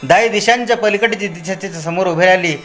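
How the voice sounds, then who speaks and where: A man narrating a devotional story in a dramatic way, moving between soft and raised delivery. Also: high voice, fast, soft background music.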